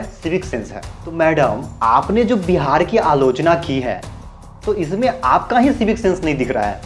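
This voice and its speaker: A man from Bihar gives earnest commentary, asking rhetorical questions and mixing in English terms. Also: on the high side. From Bihar, India. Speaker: YouTube commentator. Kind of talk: explanatory social commentary.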